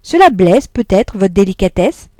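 A woman's voice: mid-range voice, very animated, normal speed, warm tone, dry recording, clean studio sound. A woman voicing a wronged wife who presses her husband impatiently and coldly, in a read-aloud novel. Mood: icy. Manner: impatient, cold, pointed.

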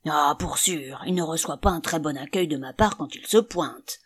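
A woman reading an audiobook, voicing a grumpy old male caretaker with a gruff, curt manner. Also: deep voice, normal speed.

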